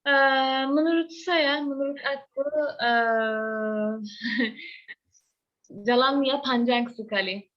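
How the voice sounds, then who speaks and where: A woman from Turkey with a Turkish accent, speaking Indonesian as a foreigner in halting, simple phrases during a casual online chat. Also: high voice. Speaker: guest speaker. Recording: dull lo-fi online call audio.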